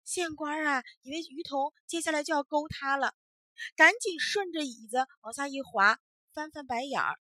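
A woman telling a children's story as a storyteller, in an expressive, emphatic way. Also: sits high, moderate pace, dry recording.

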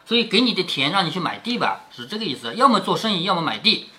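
Casting note: male storyteller, animated delivery, bright tone, chatty explainer who keeps checking in with the listener. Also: high-pitched, fast talker. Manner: chatty explaining, frequent tag questions. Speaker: father reading aloud to his daughter.

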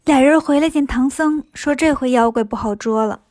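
A woman storyteller narrating a children's story in a lively, chatty way. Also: sits high, moderate pace, no room sound.

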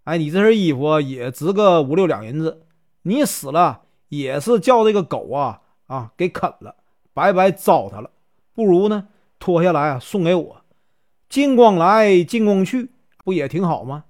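A man's voice: on the high side, animated, normal speed, a little mellow, natural voice. Jigong, a man doing a cheeky scruffy monk. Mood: teasing. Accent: Northeastern Mandarin. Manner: joking, cheeky, mocking. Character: scruffy, playful, teasing old monk.

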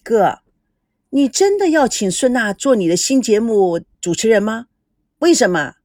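Give me a woman playing an excitable young sister, high and lively. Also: measured pace, no echo, clean studio sound. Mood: pleading.

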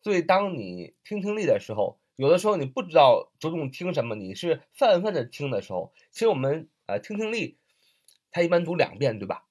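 A man teaching English listening tips in a casual online lesson, spelling words letter by letter and repeating them slowly, with frequent "uh" and "ah" fillers. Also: fairly high pitch, sing-song, a little mellow.

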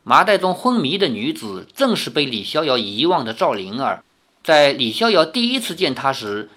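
A woman reading a novel aloud, expressive, with casual asides to her listeners. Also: sits low. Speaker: storyteller.

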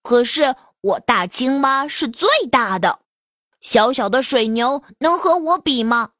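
A woman's voice: high voice, expressive, unhurried, a bit bright, no room sound, studio quality, heavily acted. A woman voicing a boastful, stubborn male frog who talks arrogantly and blusters in a children's story.

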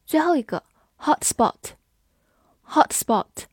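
A woman teaching English vocabulary, speaking with slow, careful enunciation and repeating words for drills. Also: high voice, very animated, dry recording, clean studio sound. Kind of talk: vocabulary lesson in Chinese.

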